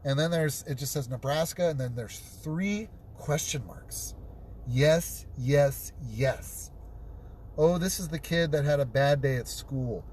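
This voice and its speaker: A man hosting a call-in show while driving, reading viewer comments out loud and chatting casually, often stumbling and repeating words. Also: fairly high pitch, takes it slowly, a little hiss or hum. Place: inside a car, driving.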